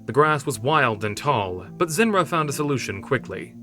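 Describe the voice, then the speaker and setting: A man narrating a fantasy story in steady, measured storytelling. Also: mid-range voice. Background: soft background music.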